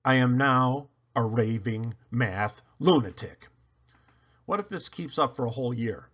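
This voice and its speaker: Here a man gives an animated, storybook-style reading of a children's picture book, full of emphatic, dramatic phrasing and playful vocal swoops. His voice sits in the mid range, his pace is unhurried, and the high frequencies are cut off.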